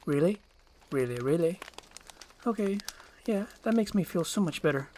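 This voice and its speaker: Man acting out jittery talking donkey, rambling, cowardly yet boastful, pleading, swooping pitch, storybook character, light background noise. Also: animated, normal speed, a little mellow, lightly acted. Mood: nervous. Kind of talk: storybook screenplay read with character voices.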